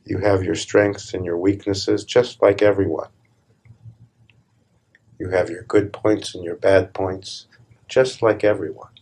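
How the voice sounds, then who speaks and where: With a deep, husky, gravelly voice, a man guides listeners through meditation as a spiritual teacher. His calm, deliberate pacing sets short phrases apart with measured pauses.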